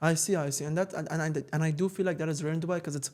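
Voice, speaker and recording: A man with a high voice hosts a casual podcast at a quick clip. He is slangy and emphatic, often saying a phrase twice to drive it home. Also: fairly even intonation, darkish tone.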